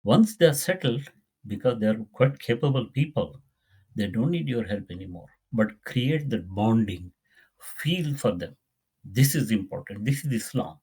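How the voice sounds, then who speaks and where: Male Quran teacher, low husky voice, earnest and repetitive delivery. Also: lively intonation, moderate pace, a little mellow. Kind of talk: religious lesson.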